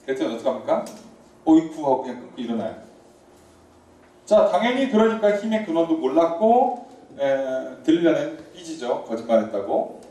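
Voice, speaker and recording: Male pastor, mellow voice, preaching from across an echoey church hall. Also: on the high side, normal speed, far from the mic. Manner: animated, conversational preaching with questions to the congregation. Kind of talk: sermon. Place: church sanctuary.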